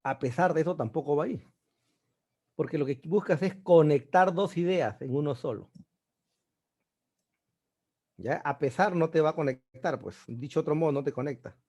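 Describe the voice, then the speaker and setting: A man's voice: fairly high pitch, fairly quick, mellow, breathy edge. A male teacher giving an online exam-prep class over a video call, explaining step by step and often checking in with his students. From Peru.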